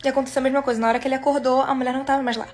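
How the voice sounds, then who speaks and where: A woman telling scary stories in a casual, hushed and suspenseful way. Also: sits high, little pitch movement, racing. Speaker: storyteller.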